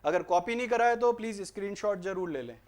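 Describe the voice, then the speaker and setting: A high-pitched young male teacher with an Indian accent runs an online exam-prep grammar class. He keeps asking his students questions and then answers them himself, sliding English phrases into his explanations. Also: animated, fast.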